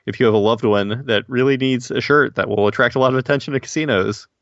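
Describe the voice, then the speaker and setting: Gravelly-voiced joking man co-host. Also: medium pitch, fast talker, fairly bright tone, dry recording, dull audio. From Baltimore County, Maryland. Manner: jokey, laughs often. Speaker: podcast co-host. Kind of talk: casual chat.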